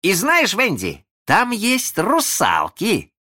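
A high, eager storybook boy, put on by a man reading aloud, full of mischief and cunning. He coaxes and wheedles in bright, excited bursts, his voice leaping all over the place. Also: slow, full character voice. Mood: coaxing. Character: eager cunning young boy who never grows up.

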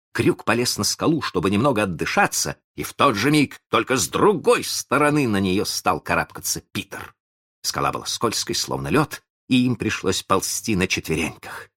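A man narrating a children's storybook aloud, expressive and addressing the listener. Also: on the low side. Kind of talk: audiobook storytelling.

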